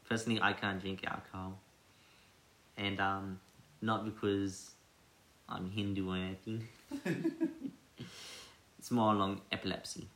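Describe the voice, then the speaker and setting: A man's voice: fairly low pitch, sing-song, slow, pauses often, a bit bright. A young man hosting a casual chat podcast, rambling with many fillers and frequent laughs. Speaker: podcast host. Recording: echoey room.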